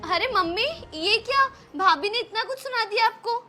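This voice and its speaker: Indignant young married daughter, played by a woman, scolding, very high bright voice, soft music. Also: lively intonation, moderate pace, heavily acted. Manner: scolding, confrontational.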